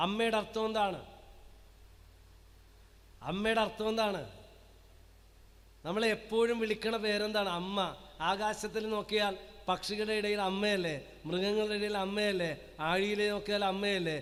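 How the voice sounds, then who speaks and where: A priest preaches in a high, carrying voice that rings through a church hall's long reverb. He fires rhetorical questions at the congregation and draws out key words slowly so they will repeat them. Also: fairly bright tone. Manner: rhetorical questions with call-and-response; slow emphatic listing of words. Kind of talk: parish sermon to a live congregation.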